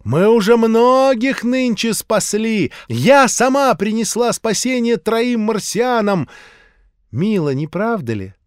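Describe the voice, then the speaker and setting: A man voicing a fervent old street preacher woman in an audiobook, loud and drawn-out in a preaching manner. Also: high-pitched, sing-song, smooth, no room sound, clean studio sound, voice pushed up, heavily acted. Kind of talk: audiobook reading.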